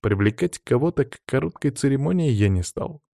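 A man narrating an audiobook in a measured, even way. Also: medium pitch, creaky, no echo, studio quality. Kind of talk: audiobook reading.

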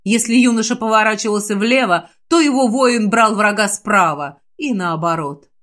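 A woman narrating a fantasy novel in a steady, expressive audiobook reading. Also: medium pitch, moderate pace. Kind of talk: scripted narration.

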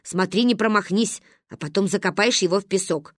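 A woman voicing a stern, grumbling grandmother in her sixties or older in a storybook reading, speaking low and gruff with firm orders. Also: fairly quick, dry recording, clean studio sound, natural voice.

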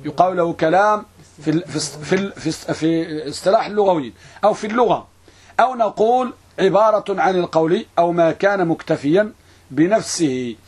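A man teaching an Arabic grammar lesson in a classroom, reciting verses slowly and quizzing his students. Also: high voice, darkish tone, husky. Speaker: Islamic scholar teaching grammar.

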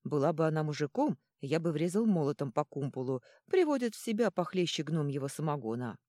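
A gruff male troll warrior, as a woman reads him, growling out short, blunt phrases with slow, heavy emphasis. The voice is low and dark, recorded close and dry for a storybook. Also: sing-song, no room sound.

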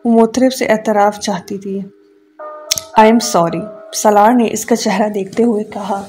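Woman narrating a novel audiobook, calm even delivery, middle pitch, faint music behind. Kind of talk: novel read aloud.

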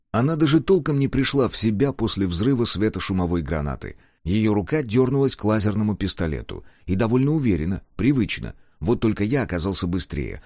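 A man narrating an action audiobook in the first person, steady and dramatic. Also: deep voice, no echo, studio quality.

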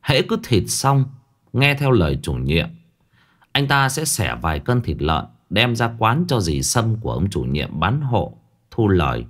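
A man narrating a ghost story in a lively, dramatic storytelling manner. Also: lowish voice, measured pace. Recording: faint background music.

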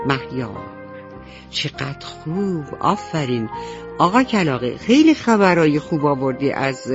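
A woman telling children's bedtime stories on the radio, gently and tenderly, speaking directly to the children. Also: deep voice. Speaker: bedtime storyteller. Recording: dull lo-fi radio recording with faint music.

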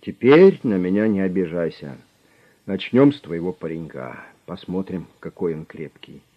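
A man voicing a calm, menacing middle-aged gang boss who mocks his captive with cold smugness. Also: low-pitched, moderate pace, dull audio. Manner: smug, coldly mocking.

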